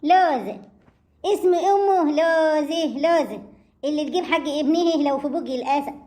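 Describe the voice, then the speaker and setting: A woman's voice: high voice, normal speed, dark tone, natural voice. A woman voicing a fierce older village mother who scolds and insults a man over her son. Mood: furious.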